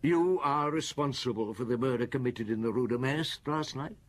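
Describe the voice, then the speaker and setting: A male actor with a mid-range voice portrays a tired but tireless middle-aged chief inspector in a radio detective drama, lightly acted and delivered with formal deliberation. His tone is probing and accusing.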